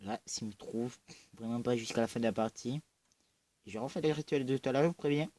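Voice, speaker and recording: A man with a southern French accent giving casual, excitable gaming commentary, often breaking into loud exclamations and swearing. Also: mid-range voice, a little fast, no echo. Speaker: gamer.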